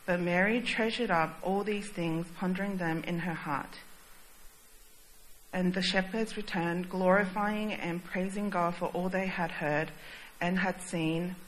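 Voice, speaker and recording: A woman reading a scripture passage aloud in a steady, measured way. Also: fairly low pitch, slight background noise, poor audio. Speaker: scripture reader.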